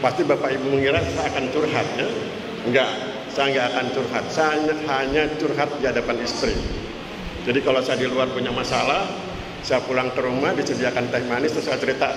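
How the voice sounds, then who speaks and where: A man's voice: mid-range voice, fairly even intonation, fairly quick. A man in his sixties, a university lecturer giving a motivational religious talk in a mosque, chatty and joking as he keeps checking in with his listeners. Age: 60s. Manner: chatty and joking, often checking in with the audience with 'ya?'. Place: mosque hall. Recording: echoey hall with background noise.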